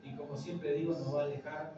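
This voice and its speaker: Older male pastor, conversational sermon, slightly high voice, distant mic in a boomy room. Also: level tone, brisk, music in the background. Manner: conversational preaching, frequent tag questions to the congregation. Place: congregation's meeting room. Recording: very echoey room, distant mic, dull, noisy.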